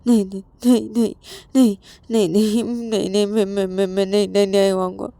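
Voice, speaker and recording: A woman's voice: medium pitch, level tone, normal speed, creaky, warm tone, no room sound, lightly acted. A woman voicing a frightened young man who stammers and pleads through tears. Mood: tearful pleading.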